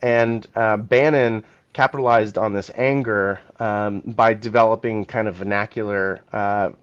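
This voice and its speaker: A man's voice: fairly low pitch, fairly even intonation, a little slow, clear, resonant tone, dull audio. A man co-hosting a podcast, talking through a political topic in long, thinking-aloud explanations in a casual chat. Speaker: podcast co-host.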